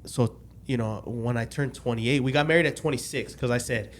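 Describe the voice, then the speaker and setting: A man in his late twenties, guesting on a casual podcast, rambles through a personal story, restarting often and losing track of the dates. He speaks briskly in a mid-range voice, with a little hiss or hum in the recording.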